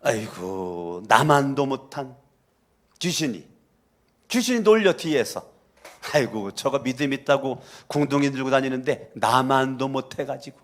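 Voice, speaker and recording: A man's voice: medium pitch, lively intonation, measured pace, fairly bright tone. Man doing a sneering, mocking spirit. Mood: jeering. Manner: sneering, taunting. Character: mocking spirit jeering at a believer.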